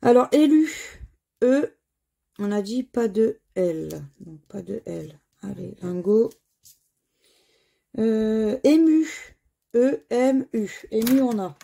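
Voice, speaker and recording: French woman scratching lotto tickets, slow talker, husky low-key voice, spells letters out loud. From France. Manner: slow, spells letters aloud, sighs over losses. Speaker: scratch-card vlogger. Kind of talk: casual commentary while scratching tickets.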